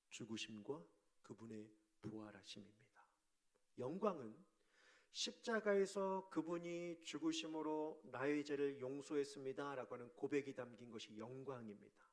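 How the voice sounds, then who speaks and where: A man preaching as a pastor, asking his congregation questions, sometimes shouting out quoted voices and sometimes dropping to a soft murmur. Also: medium pitch. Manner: animated, acts out quoted voices with sudden shouts; drops to a soft near-murmur on key words. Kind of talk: sermon.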